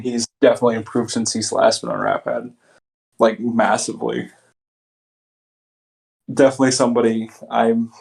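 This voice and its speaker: A man's voice: medium pitch, vocal fry. A man talking as a guest in a casual interview, laid-back and blunt, with casual swearing. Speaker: guest, battle rapper.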